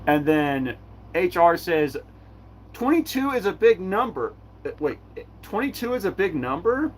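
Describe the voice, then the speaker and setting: High, lively-voiced man streaming. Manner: halting, repeats words and restarts often. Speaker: live streamer. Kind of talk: live stream Q&A, reading chat aloud.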